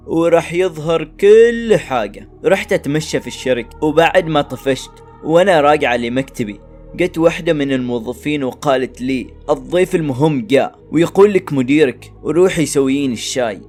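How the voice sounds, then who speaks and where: A man's voice: on the high side, darkish tone. Man telling a dramatic story. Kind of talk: first-person dramatic story narration. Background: faint background music.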